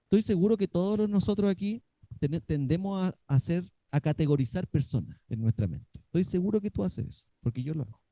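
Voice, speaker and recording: A man preaching with a fairly high yet very warm, dark voice. He is emphatic, turns to the congregation with questions and acts out quotes. The sound is dry and close. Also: animated, a little fast, no echo. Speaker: pastor. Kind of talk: sermon.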